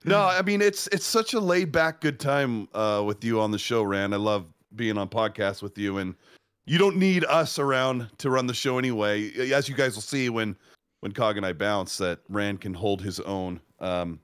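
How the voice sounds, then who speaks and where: A man's voice: on the low side, normal speed, fairly bright tone, clean tone, no echo, studio quality. A congested man guest on a gaming podcast, chatting in a friendly, laid-back way. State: congested from a cold. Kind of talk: casual podcast chat.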